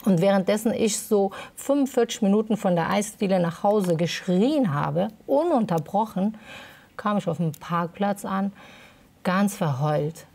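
Gravelly-voiced woman telling her story. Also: medium pitch, unhurried, darkish tone. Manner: hesitant, many fillers, emotional retelling. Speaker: interview guest. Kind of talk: personal testimony interview.

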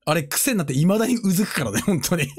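A man chatting casually on a livestream, joking and animated, often breaking into laughter and playful mimicked voices. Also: high voice, fast talker, slightly rough. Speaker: streamer.

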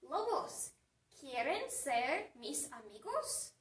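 A woman's voice: high-pitched, very animated, drawn-out words, fairly bright tone, roomy sound, far from the mic, heavily acted. A woman voicing a timid young mouse who feels ashamed and tearful, speaking in a small, pleading voice as part of a classroom story. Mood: hopeful.

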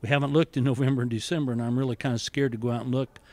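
Speaking very fast with a warm tone and fairly even intonation, this man's medium-pitched voice carries no room sound at all. He's a university entomologist giving careful, explanatory interview answers into a handheld mic in an office with windows and plants.

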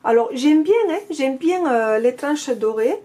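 A woman's voice: sits high, animated, measured pace, dark tone. A woman with a non-native French accent chatting casually as she unboxes and reviews an oracle card deck. She gushes and keeps repeating her praise.

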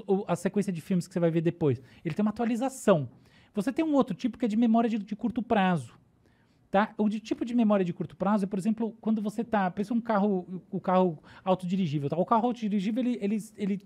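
A woman's voice: mid-range voice, warm tone. A woman with a Brazilian Portuguese accent, a neuroscientist guest on a podcast, explaining ideas in casual talk and often checking in with "tá?" and "né?".

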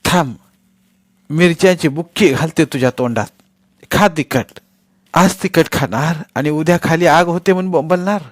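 A blunt, sharp-tongued woman, as a male narrator puts her on scolds and grumbles in a raised voice. She sounds hard-worn and quick to anger. The storybook voice is close and dry. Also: fairly high pitch, dry recording, voice pushed up. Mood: scolding. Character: sharp-tongued working woman, short-tempered.

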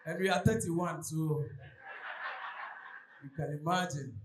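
A young Ghanaian man performing an animated, exclamatory stand-up comedy routine on stage through a handheld microphone. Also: a little high, slow pace. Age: young adult. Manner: animated, exclamatory, acting out characters and street calls. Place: large hotel hall with seated audience, on stage. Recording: echoey hall PA with faint noise.

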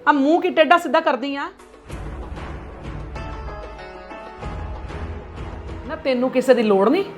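A woman's voice: medium pitch, moderate pace, faint music behind, close to an everyday voice. A middle-aged woman playing an aggrieved mother-in-law in a family drama skit, lamenting and scolding dramatically. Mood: stern reproach.

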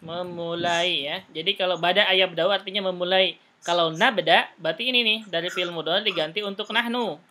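A woman teacher explains Arabic phrases step by step, repeating them patiently. Her voice sits low but sounds bright and forceful. She talks over a video call. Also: brisk. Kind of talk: online Arabic conversation lesson.

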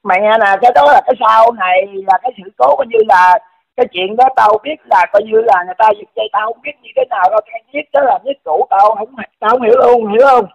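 A man's voice: sits high, fast talker, vocal fry. A man, arguing defensively on a phone call, stammering and repeating his words. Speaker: caller in a dispute. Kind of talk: heated phone argument.

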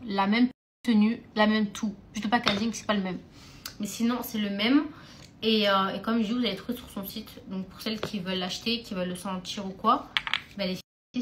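A woman's voice: mid-range voice, background noise. A young woman chatting casually in a vlog, often turning to her viewers as girls. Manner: chatty, keeps addressing viewers as "les filles". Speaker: vlogger. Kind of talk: casual vlog chat to followers.

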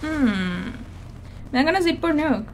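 A woman's voice: high-pitched, lively intonation, measured pace, background noise. A young adult woman with a Mexican accent, chatting casually and teasing her viewers while she plays a game on a livestream. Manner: slangy, teasing, reads out and greets chat while playing. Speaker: streamer. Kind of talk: casual gaming livestream chat.

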